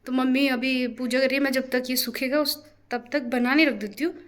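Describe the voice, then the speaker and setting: A woman's voice: sits high, steady tone, fairly quick. A young woman chatting playfully to camera in a casual home vlog. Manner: playful, chatty, giggling through a drying face mask. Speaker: vlogger.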